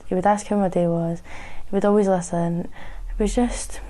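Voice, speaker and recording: A woman's voice: on the low side, steady tone, moderate pace, dark tone. A young woman talking casually as an interviewee in a news report.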